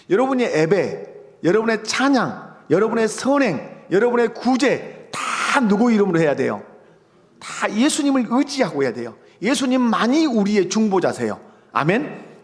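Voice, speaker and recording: A male pastor with a Jeolla Korean accent preaching a sermon in a church, firing rhetorical questions and prompting the congregation to answer. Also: sits high. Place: church sanctuary. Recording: long church hall reverb.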